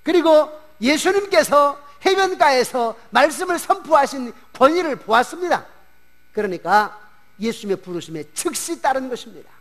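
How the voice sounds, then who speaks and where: Male pastor, Sunday sermon, high and lively delivery, slips into character voices, faint hum on the track. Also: moderate pace. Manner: animated preaching, voices disciples and dialect speakers. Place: church sanctuary.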